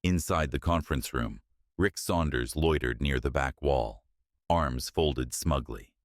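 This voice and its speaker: A man narrating a scripted story in a steady, measured way. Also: rumbling low, no echo, clean studio sound.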